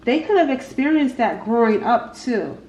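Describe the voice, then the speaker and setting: This tarot reader and channel host has a slightly high, animated voice with a darkish tone. Her unscripted, casual reading is halting and repetitive as she talks to the spirit and the cards, recorded in an echoey space with faint noise behind her.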